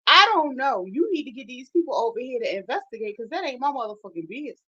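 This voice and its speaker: A woman telling a story in casual, animated chat, emphatic and swearing freely. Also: high voice, fast talker, breathy edge. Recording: dull lo-fi sound.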